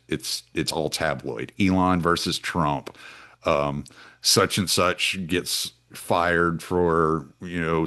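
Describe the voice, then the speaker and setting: A man's voice: extremely low pitch, fairly bright tone. A man, hosting a solo podcast in a rambling, casual way full of restarts and fillers. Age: 40s. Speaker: podcast host.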